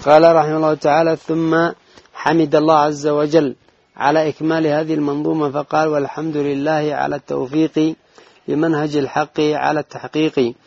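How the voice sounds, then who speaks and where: A man reading a religious text aloud in a lesson, in a measured recitation with brief asides. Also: on the high side, level tone, gravelly, darkish tone. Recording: dull lo-fi dry recording.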